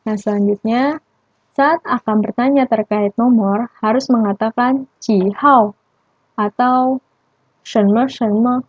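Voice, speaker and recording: A woman teacher giving a lesson, explaining step by step and slowly repeating her examples. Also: fairly high pitch, fairly even intonation, dry recording, muffled recording. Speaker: Mandarin language teacher.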